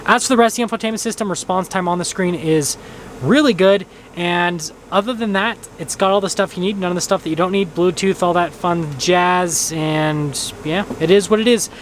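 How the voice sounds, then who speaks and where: High-voiced man giving a quick car walkaround. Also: a little hiss or hum. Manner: quick, upbeat feature rundown. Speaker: car reviewer. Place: outdoors and inside a truck.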